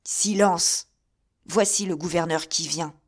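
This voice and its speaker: A woman reads a commanding musketeer captain in a classic adventure audiobook, raising her voice into a louder, higher urgency. He talks in pressing, clipped orders, with no hurry in the overall pace. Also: unhurried, close to an everyday voice. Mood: hushed warning. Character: bold Gascon musketeer captain, middle-aged man. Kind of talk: audiobook character reading.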